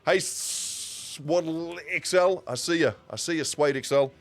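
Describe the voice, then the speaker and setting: His pitch fairly high and his pace measured, a New Zealand broadcaster in his forties rambles through stories on a live stream. The tone is casual and chatty, with frequent self-corrections.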